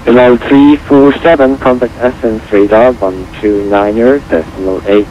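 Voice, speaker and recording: A man's voice: mid-range voice, fairly even intonation, moderate pace. A man working as an air traffic controller, speaking in clipped procedural phrases over an aviation radio. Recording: muffled, noisy aviation radio transmission.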